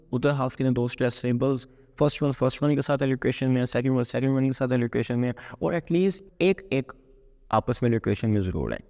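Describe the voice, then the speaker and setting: A man with a Pakistani accent teaching literature, switching between Hindi-Urdu and English and alternating quick runs with slow, stressed phrases. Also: mid-range voice, a little mellow, big-room sound. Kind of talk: lecture.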